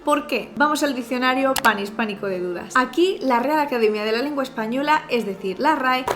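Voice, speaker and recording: A woman from Spain with a Peninsular Spanish accent, explaining language in a cheerful, expressive, chatty vlog style. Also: high-pitched, fairly quick. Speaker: language YouTuber. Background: background music.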